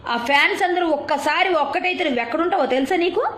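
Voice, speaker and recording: This female video commentator speaks at an extremely high pitch, quickly and with lively intonation, her tone a bit bright. She confronts a rival in an angry tirade full of scolding and rhetorical questions, captured with roomy echo.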